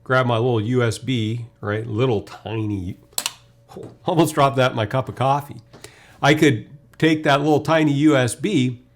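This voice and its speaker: Recorded in an indoor video studio, a man in his fifties with a mid-pitched voice gives a technical demonstration. Like a webinar host, he talks casually and informally, guiding the listener step by step.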